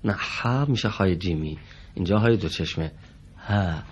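A man's voice: deep voice, slightly rough, dull audio. A man teaching a Quran reading class, politely calling on students and patiently correcting how they pronounce each letter. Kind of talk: classroom recitation lesson.

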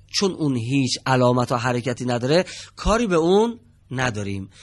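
In a TV studio lesson, a man patiently teaches Quranic Arabic reading, asking the students questions and repeating their answers. His voice is mid-range.

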